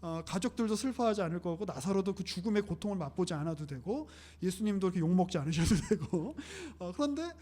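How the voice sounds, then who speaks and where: A man's voice: high-pitched, expressive, fast, hardly any pauses, mellow. A young man preaching a casual live-streamed sermon, chatty and joking, often laughing. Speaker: pastor.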